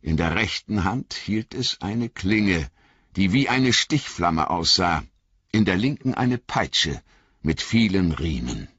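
A man reading a fantasy novel aloud as an audiobook narrator, in a measured, dramatic way. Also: low-pitched, lively intonation, fairly bright tone, slightly rough, dry recording, muffled recording.

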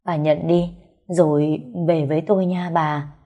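A woman's voice: deep voice, steady tone, unhurried, muffled recording. A woman voicing an old grandfather who speaks in an earnest, pleading way.

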